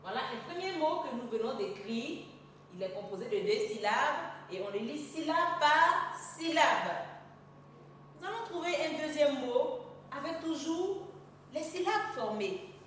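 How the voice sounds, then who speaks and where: A woman's voice: sits high, expressive, normal speed, slight background noise. A woman teaching a reading lesson to young children, sounding out words syllable by syllable with patience. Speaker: kindergarten teacher. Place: classroom at a board. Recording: echoey room mic from far off.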